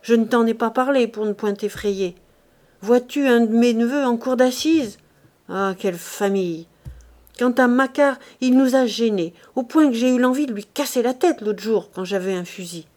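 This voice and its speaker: A woman voicing a cowardly middle-aged husband who shouts and blames everyone in a panic. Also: on the high side, moderate pace, close to an everyday voice. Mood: furious. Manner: shouting, blaming, frantic.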